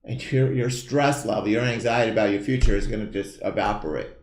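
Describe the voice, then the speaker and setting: A man in his fifties hosting a live show, giving an earnest, emphatic motivational pitch that keeps repeating its key phrases. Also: fairly quick, a little mellow, reverberant. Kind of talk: motivational sales pitch to camera.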